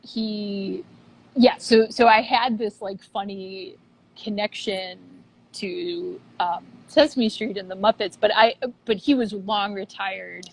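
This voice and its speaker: A puppet theater director, a woman, joins an online video interview as a guest and chats away casually and cheerfully, upbeat and talkative. Her medium-pitched voice moves slowly with some creak, and the low-quality audio comes through a phone or laptop on the video call as she goes between the outside of the theater and its lobby.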